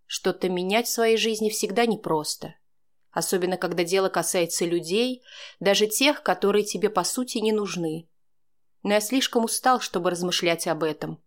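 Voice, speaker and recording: A woman's voice: medium pitch, moderate pace. Woman narrating an audiobook steadily. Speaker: audiobook reader. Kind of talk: scripted first-person narration.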